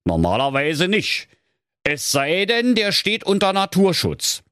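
A man's voice: sits high, huge pitch swings, measured pace, a bit bright, smooth, no room sound, clean studio sound, voice pushed up, full character voice. A man voicing a pompous middle-aged father in a mildly raised voice with a Berlin accent, speaking officiously. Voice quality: officious, reads rules aloud.

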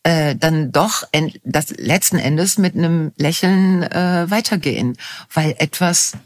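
A woman's voice: low-pitched, takes it slowly. A woman co-hosting a podcast from home, chatting eagerly and often trailing off mid-sentence before starting over. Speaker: podcast co-host. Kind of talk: casual chat.

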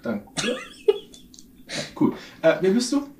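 A man playing a tabletop role-playing game, brash and quick to swear and laugh. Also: high-pitched, huge pitch swings, dark tone, echoey room, a little hiss or hum. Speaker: player. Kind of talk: casual tabletop role-play.

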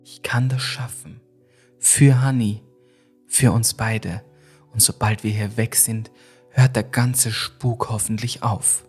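A man's voice: fairly low pitch, fairly even intonation, slow, husky, faint music behind. A man voicing a frightened young woman in a spooky story, pleading and tearful. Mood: hushed.

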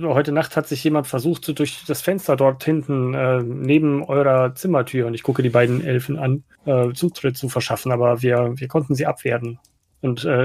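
Creaky-voiced, hesitant man in role-play. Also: mid-range voice, darkish tone, dry recording. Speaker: tabletop game player. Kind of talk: casual, improvised role-play talk.

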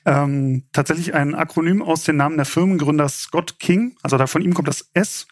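A man's voice: on the high side, moderate pace, dry recording, clean studio sound. A man speaking as an informal game show host, chatty and explanatory as he runs a quiz. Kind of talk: casual game show hosting.

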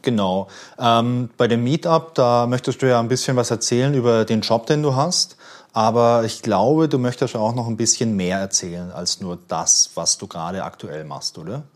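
A man's voice: mid-range voice, moderate pace. A man hosting a casual interview, asking friendly, curious questions with a few fillers. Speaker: host.

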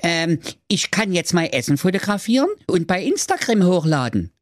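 A man's voice: high voice, very animated, moderate pace, no room sound, studio quality, voice pushed up. A man doing a vain young influencer son. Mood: proud.

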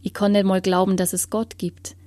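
A woman giving an earnest personal testimony in an interview, often sinking into a hushed whisper as she searches for words. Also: medium pitch, completely flat delivery, moderate pace, no room sound.

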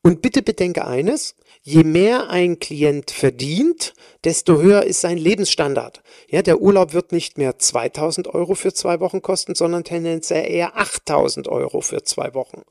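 Emphatic German woman podcaster, gravelly. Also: fairly low pitch, lively intonation, normal speed, a little mellow, dry recording, studio quality. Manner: emphatic, repeats and stresses words. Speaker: podcast host, personal trainer. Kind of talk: solo podcast monologue.

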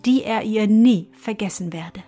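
A woman reading a fairy tale aloud for a podcast in a calm, measured manner. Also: mid-range voice. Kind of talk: storybook reading. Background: faint music.

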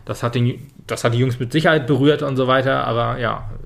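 A man's voice: medium pitch, steady tone, fairly quick, gravelly. A man co-hosting a casual football podcast, talking hesitantly with many fillers and restarts. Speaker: podcast co-host.

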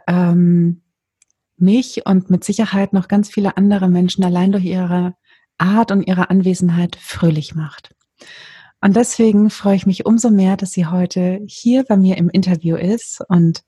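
A woman hosting her own podcast, welcoming a guest warmly and enthusiastically. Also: on the low side, husky, dry recording, studio quality. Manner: warm, enthusiastic, effusive. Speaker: podcast host. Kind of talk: podcast interview.

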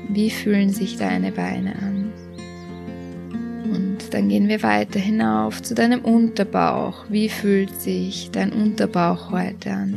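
Slow, creaky-voiced woman guiding meditation. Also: medium pitch. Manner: slow, soft, guiding body scan with questions. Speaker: podcast host and guide. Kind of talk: guided meditation.

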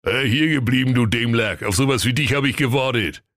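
A man's voice: mid-range voice, a little fast, fairly bright tone, no room sound, pitched above the performer's own voice, close to an everyday voice. Guy doing a grouchy little fat king, blunt and rude, dry sound, radio fairy tale. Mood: gruff. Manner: gruff, blunt, name-calling.

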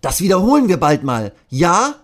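A man voicing a friendly male police officer who reassures children in a slow, kind way in a children's audio story. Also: sits high, big pitch swings, voice pushed up. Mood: reassuring.

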